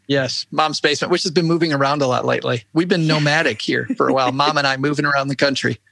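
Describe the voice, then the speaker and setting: A man with a forceful, bright voice and plenty of creak talks as a podcast guest. He is casual and joking, and the sound is dry and close. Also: medium pitch, steady tone, fast, no echo. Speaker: podcast guest, a show host himself.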